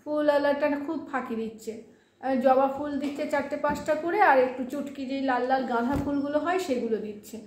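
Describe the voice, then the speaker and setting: High-voiced chatty woman vlogging at home. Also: fairly quick, darkish tone, echoey room. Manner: chatty, urging a child to hurry while talking to viewers. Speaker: vlogger and mother. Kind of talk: casual home vlog chat.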